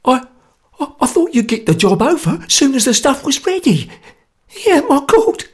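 A narrator voicing a terrified young conspirator who stammers and squeaks in panic, in a storybook reading. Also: very animated, normal speed. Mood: frightened. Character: terrified young Cockney conspirator, shrill and shaky.

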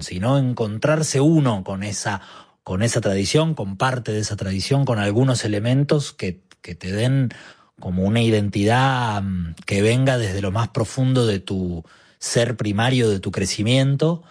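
Husky Argentine man, reflective. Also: mid-range voice, a little mellow. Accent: Argentine Spanish. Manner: reflective, searching for words. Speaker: guest musician. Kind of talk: relaxed interview conversation.

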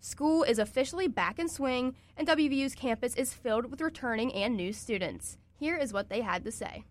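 Young female campus radio anchor, bright-pitched and even. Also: normal speed. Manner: steady, even newsreading. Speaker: college radio news anchor. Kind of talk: read news bulletin.

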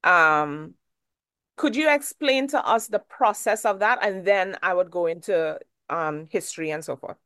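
A woman's voice: lowish voice, lively intonation, unhurried, fairly bright tone, no room sound, clean studio sound. Chatty woman from Trinidad hosting. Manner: chatty, friendly questioning. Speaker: show host. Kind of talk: casual interview hosting.

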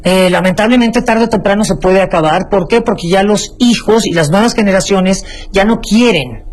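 A woman's voice: mid-range voice, normal speed, a little mellow, rough recording. A woman from Mexico City with a Mexican accent, a guest talking with enthusiasm and frequent restarts in an interview. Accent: Mexican Spanish. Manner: enthusiastic, many restarts and fillers. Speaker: guest, folk art shop founder. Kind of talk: conversational interview.

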